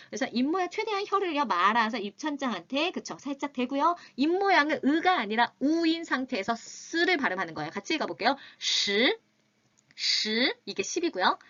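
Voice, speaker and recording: A Korean-speaking woman teaching Chinese in an online lesson, patiently drilling pronunciation and slowly repeating syllables. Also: high voice, a bit bright. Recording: slightly dull lo-fi sound.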